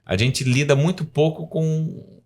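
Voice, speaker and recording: A man's fairly high but darkish voice comes through at a measured pace with fairly even intonation. He is a Brazilian professor and scientist in his forties, interviewed on a podcast, who explains in a rambling way, often using tag questions, with a Brazilian Portuguese accent.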